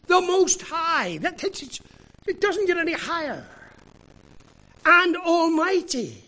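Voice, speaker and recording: High, slow preacher. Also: male voice, fairly bright tone. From Northern Ireland. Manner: emphatic, rhetorical questions, deliberate pauses. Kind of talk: sermon.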